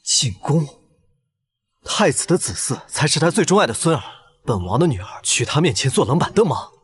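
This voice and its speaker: Brief: a sardonic, proud prince, animated pitch. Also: male voice, fairly quick. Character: proud, sulking royal prince.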